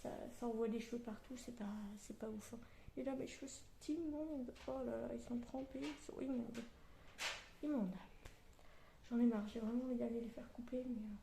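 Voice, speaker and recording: A woman chats casually to her vlog viewers in a very dark, soft-edged voice with a gravelly creak. Her s sounds come out lisped and slushy. The room is echoey, and she rambles along colloquially. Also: on the high side. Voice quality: lisp on s sounds from orthodontic elastics. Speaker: vlogger. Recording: roomy echo, faint background noise.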